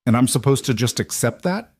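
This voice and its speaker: A man's voice: medium pitch, animated, fairly quick, a little mellow, breathy edge, no room sound, studio quality, voice pushed up. A man putting on a heated, pleading young woman. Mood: raw. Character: distraught young woman, fierce, desperate in love.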